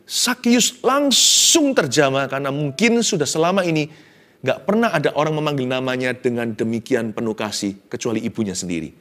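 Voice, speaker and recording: A man preaching a sermon in an animated way, slipping English phrases into his talk. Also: medium pitch, moderate pace. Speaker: pastor.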